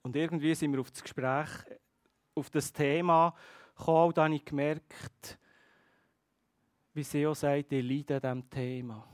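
A man's voice: a little high, steady tone, dry recording. Man, preacher, sermon, earnest, direct address, dry sound. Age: adult with a child. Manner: earnest, addresses the congregation directly, slows down on key phrases.

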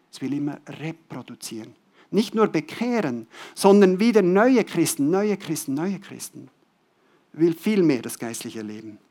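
A man with a voice on the high side preaches to a congregation. He repeats key words and swings between loud, stressed phrases and soft drops.

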